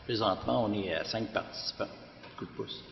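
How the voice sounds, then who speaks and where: A man's voice: fairly low pitch, a little fast, creaky. A man with a Québécois accent, director of a community garden, giving a hesitant public talk with many fillers and restarts. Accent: Québécois French. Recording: echoey hall, dull lo-fi sound.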